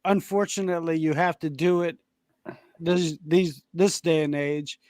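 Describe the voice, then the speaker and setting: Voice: medium pitch, steady tone, a little mellow, no room sound. Teasing co-host with dry close sound. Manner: teasing, halting with repeated words. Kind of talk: casual chat.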